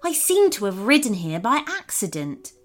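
A woman's voice: a little high, very animated, moderate pace. Woman doing a glum, sighing young prince. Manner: quiet, sighing and self-doubting. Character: gloomy young male prince, soft-spoken and unsure.

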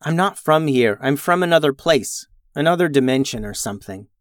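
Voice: lively intonation, fairly quick, no room sound, clean studio sound, close to an everyday voice. A narrator doing an earnest young girl. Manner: high, earnest and pleading. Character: eager young girl, lost far from home.

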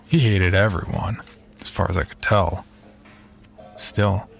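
Low-voiced man narrating a horror story.

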